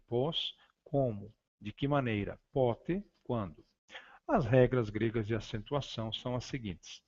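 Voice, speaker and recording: A man at an ordinary mid pitch teaches a grammar class, working slowly and deliberately through each point. He hesitates often and restarts words as he reads from his slides. The recording sounds dull and lo-fi. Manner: slow, deliberate, spelling out words with frequent hesitations. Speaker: Greek teacher. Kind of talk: grammar lesson reading from slides.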